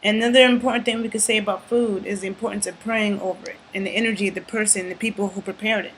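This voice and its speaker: A woman giving an earnest, emphatic talk to camera about food, often checking in with "okay?" and pausing to think aloud. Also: medium pitch, fairly even intonation, fairly bright tone, a little hiss or hum, low-quality recording. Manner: thinks aloud with fillers and restarts. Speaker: YouTube commentator. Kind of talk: casual talking-to-camera commentary.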